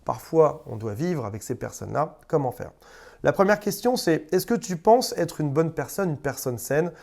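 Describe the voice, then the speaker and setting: A man's voice: on the high side, animated, moderate pace, vocal fry, a little mellow. Man coaching viewers in casual talk. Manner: conversational, repeats words, briefly acts out quoted exchanges; addresses the viewer directly and informally. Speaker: relationship coach. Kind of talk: direct-to-camera coaching advice.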